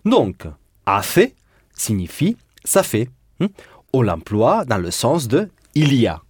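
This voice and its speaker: A man's voice: mid-range voice, big pitch swings, slow pace, a little mellow, husky, no room sound. A man teaching a Spanish lesson in French, patiently drilling verb endings and repeating students' answers. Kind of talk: language lesson drilling conjugations.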